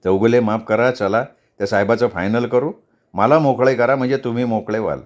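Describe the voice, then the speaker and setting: A man's voice: medium pitch, fairly quick, natural voice. A man voicing a harassed, cornered man, restrained and pleading.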